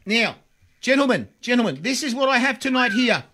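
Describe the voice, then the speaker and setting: Very high-pitched, bright male show host. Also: sing-song, fairly quick, a little hiss or hum. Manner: insistent, repeats himself, interjecting. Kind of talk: excitable live panel chat.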